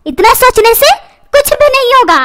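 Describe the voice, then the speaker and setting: A woman's voice: very high voice, expressive, normal speed. A woman voicing a sassy, whiny cartoon schoolboy who tattles on his parents. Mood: cheeky.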